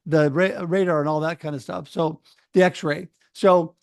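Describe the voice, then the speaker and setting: Speaking unhurriedly in a smooth, fairly high voice with vocal fry, a middle-aged man from Oregon, United States, shares his story over a video call. He is casual and animated, imitating others' words, and the audio is dry and close without echo.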